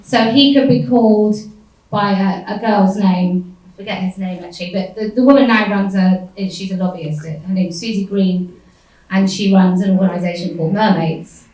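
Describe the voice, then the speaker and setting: A woman's voice: mid-range voice, moderate pace, darkish tone, recorded from a distance. Wry woman in an echoey hall. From United Kingdom. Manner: wry, defiant, laughing often. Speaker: panel speaker. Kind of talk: storytelling on a panel.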